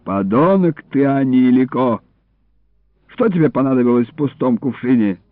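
A man voicing a gruff old orchard keeper who barks threats at thieves, on a tinny radio recording. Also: mid-range voice, expressive, normal speed, no echo, pitched below the performer's own voice, lightly acted. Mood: scolding. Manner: barking threats.

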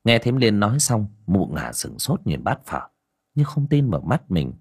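A man narrating an audiobook story in a steady, descriptive storytelling manner. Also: fairly low pitch, normal speed, husky.

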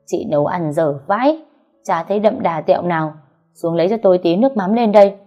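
A spoiled young sister-in-law with a shrill, whiny voice, as a woman reader puts her on. She is read in a warm, low register. The audio is dull and lo-fi, with faint music underneath. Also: expressive, brisk. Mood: demanding.

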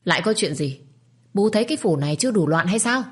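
Woman plays stern young master; clipped, contemptuous, fast. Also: medium pitch, expressive, voice pushed up, lightly acted. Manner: curt, contemptuous.

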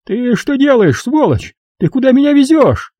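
A man reading an audiobook, voicing a fat, greedy, pompous middle-aged notary with a shrill, squealing manner. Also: very animated, moderate pace, mellow, dry recording, studio quality. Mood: panicked, shrieking. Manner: condescending and grasping.

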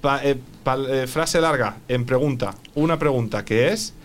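A man's voice: mid-range voice, moderate pace, a little hiss or hum. A man teaching English on the radio, patiently repeating phrases for a learner. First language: Spanish.

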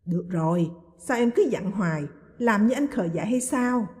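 A woman's voice: medium pitch, expressive, normal speed, a little mellow, natural voice. A woman reading the part of a reassuring young man comforting his fiancée, in a reverberant space. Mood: exasperated. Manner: soothing, reassuring.

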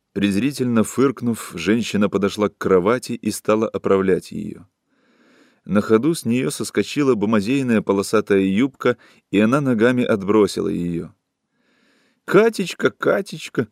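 A man narrating a literary story aloud in a steady, measured way. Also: on the low side, no room sound, clean studio sound. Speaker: audiobook narrator.

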